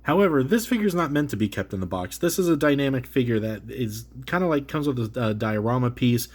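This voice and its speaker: Here a toy channel host with a stuffy, cold-ridden voice chats casually as he opens an action figure and reviews it. His medium-pitched delivery is expressive and a little fast, loose and rambling, full of fillers and self-corrections.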